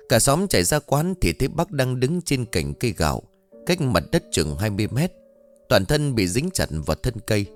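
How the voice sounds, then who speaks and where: A man narrating a ghost story in an expressive, animated way. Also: mid-range voice.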